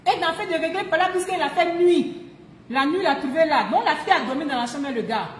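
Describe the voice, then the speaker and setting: A woman's voice: high-pitched, fairly quick, slight background noise. A woman streaming live, giving relationship advice emphatically, laughing often and repeating her key phrases. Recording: echoey room.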